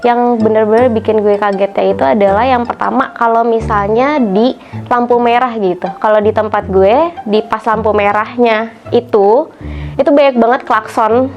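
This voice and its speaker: Seorang wanita berusia dua puluhan asal Tangerang, mahasiswi, menjawab wawancara dengan bahasa gaul yang santai dan tegas. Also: female voice, fairly high pitch, fairly even intonation, moderate pace, highs cut off, faint music behind. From Tangerang, Indonesia. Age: 20s. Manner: slangy, informal and emphatic. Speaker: university student. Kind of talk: casual interview answers.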